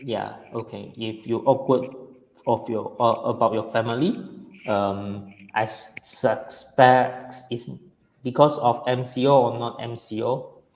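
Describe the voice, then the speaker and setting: A man, speaking as a webinar guest over a video call that breaks up, answering viewer questions in a halting, hesitant way. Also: mid-range voice, fairly even intonation, darkish tone. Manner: halting and hesitant, with slow restarts. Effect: voice heard over a video call that breaks up. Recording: roomy echo over an online call.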